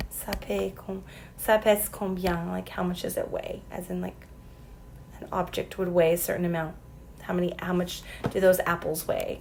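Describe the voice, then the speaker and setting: A woman's voice: lowish voice, gravelly, noisy background. A woman teaching a French lesson, explaining patiently, spelling words out letter by letter and sounding out example sentences. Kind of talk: recorded classroom lesson.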